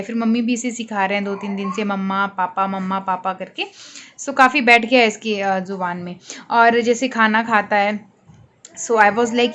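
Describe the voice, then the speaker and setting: Young himachali mom vlogging at home, kinda high voice, slips english in, faint hiss. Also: female voice, highs cut off. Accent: Himachali Hindi. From Himachal Pradesh, India. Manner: chatty, mixes English phrases, talks to her baby. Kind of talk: casual home vlog chat. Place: home, indoors.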